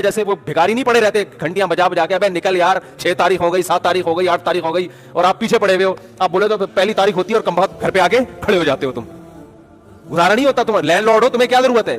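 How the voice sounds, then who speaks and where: A man giving a conversational sermon full of stories, lively, calling his listeners brother. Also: sits high. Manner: lively, addresses listeners as brother, acts out quotes. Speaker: religious speaker.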